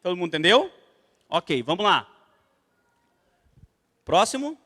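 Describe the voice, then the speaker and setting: Brief: Brazilian man leading a church class, strikingly high voice, lively storyteller, long church-hall reverb. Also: measured pace. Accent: Brazilian Portuguese. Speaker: church evangelism teacher.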